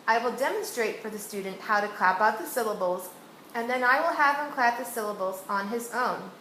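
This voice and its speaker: A woman teacher demonstrating a reading lesson with a student, saying each word slowly and deliberately to model its sounds. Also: on the high side, expressive, sharp tone. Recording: echoey room with faint noise.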